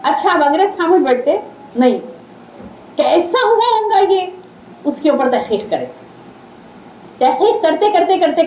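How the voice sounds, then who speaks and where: High-voiced woman giving a religious talk. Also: warm tone, slight background noise. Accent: Deccani Urdu. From India. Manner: conversational, repeats key phrases. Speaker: religious teacher. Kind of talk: Islamic lecture. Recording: roomy, slightly dull hall recording.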